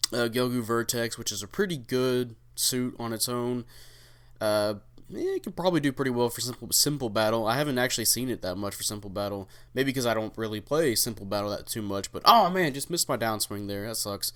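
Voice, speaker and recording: A young man hosting his own channel, giving relaxed, rambling commentary over his gameplay with many fillers and casual swearing. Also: mid-range voice, clear, resonant tone. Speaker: gaming channel host.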